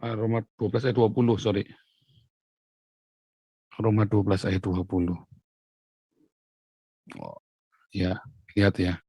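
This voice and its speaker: A male pastor delivers a casual morning devotional, his voice gravelly and husky with a dark tone. He moves from loud, pressing emphasis to hushed, low asides. The sound is dry and close. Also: little pitch movement, unhurried, long pauses, dry recording. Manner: colloquial, swings between loud emphatic bursts and quiet low asides.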